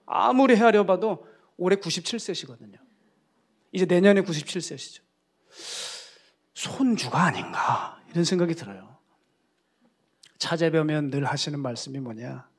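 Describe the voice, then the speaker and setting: A male pastor preaching to a church congregation, telling his stories with animated, playful energy. His voice sits somewhat high for a man and jumps into quoted voices. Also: normal speed, creaky, long pauses, husky. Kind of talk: sermon.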